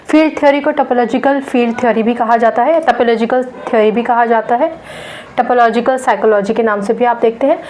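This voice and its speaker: In a classroom lecture, a woman teacher explains material and often checks in with her students using "theek hai." Her voice is on the high side with a darkish tone. The recording is rough, with a little hiss or hum.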